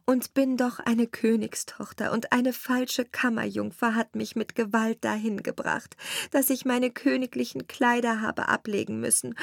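A woman reading the lament of a young princess forced to work as a goose girl, in a higher, plaintive voice. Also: gravelly, dry recording, studio quality.

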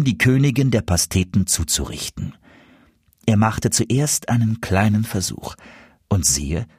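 Brief: male fairy-tale narrator, husky, lively, dry close sound. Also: on the low side, no room sound. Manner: expressive, animated narration. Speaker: storyteller.

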